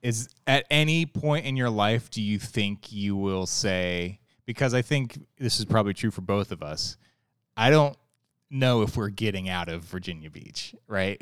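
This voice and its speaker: A man in his forties co-hosting a casual podcast chat, his voice smooth and resonant. He muses aloud and hesitates over his words, breaking into easy laughter. The sound is close and dry, with no room around it. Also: lowish voice, unhurried, a bit bright, dry recording. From Ohio. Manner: musing, hesitant, laughs easily. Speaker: podcast co-host.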